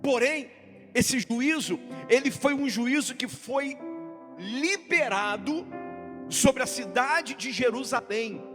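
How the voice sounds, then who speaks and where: A man preaching a sermon dramatically, swinging between loud, half-sung phrases and hushed, low storytelling. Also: expressive, slow pace. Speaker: pastor. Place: church sanctuary. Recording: long church-hall reverb with music behind.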